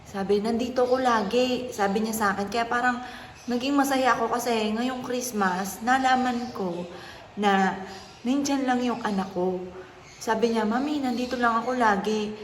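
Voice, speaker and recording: A woman, a mother telling a personal story in a soft, earnest, polite way. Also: a little high, moderate pace. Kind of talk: casual vlog talk. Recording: echoey room with faint noise.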